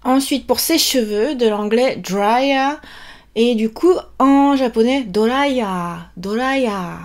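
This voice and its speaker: A woman's voice: fairly high pitch, takes it slowly, a little mellow. A woman teaching a casual vocabulary lesson, chatty and laughing often, drilling students with repeated questions. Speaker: Japanese language teacher.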